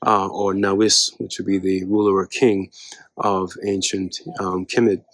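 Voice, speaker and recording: A man's voice: fairly low pitch, no echo. A man hosting an educational channel, explaining history in a lecture style with frequent rhetorical questions and fillers.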